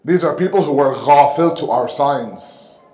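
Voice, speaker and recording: A man lectures on religion from the pulpit of an indoor mosque hall, his rather high voice dark-toned and measured in pace. Emphatic throughout, he repeats phrases for emphasis and poses rhetorical questions, captured by a close stand microphone with noticeable hall echo.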